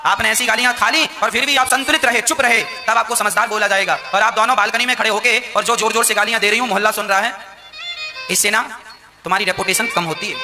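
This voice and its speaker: A man's voice: very high-pitched, bright, forceful tone. A man giving a devotional katha sermon, telling stories expressively with acted quotes and much repetition. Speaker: katha preacher. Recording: reverberant hall, faint violin music.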